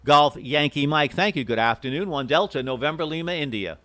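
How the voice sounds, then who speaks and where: Polite guy running ham radio contacts, voice a bit high, pausing between call signs. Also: animated, sharp tone, no room sound. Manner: courteous, hesitant with pauses. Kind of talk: procedural radio exchange with phonetic call signs.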